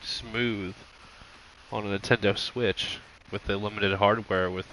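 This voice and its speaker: A tired man recovering from illness, talking through laid-back gameplay commentary in a deliberately monotone, subdued way. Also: fairly low pitch, a little hiss or hum, low-quality recording. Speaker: gaming streamer.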